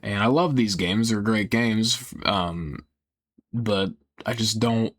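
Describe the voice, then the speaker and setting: Low-voiced young man rambling earnestly. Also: fairly bright tone. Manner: rambling, halting, trailing off; earnest, casual swearing. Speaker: video creator. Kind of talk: casual rambling personal talk.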